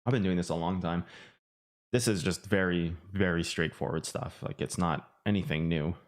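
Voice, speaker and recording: A man's voice: sits low, fairly even intonation, moderate pace. A man who hosts a finance channel, talking in a loose, rambling way with many restarts and fillers. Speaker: finance YouTuber. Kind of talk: casual livestream chat.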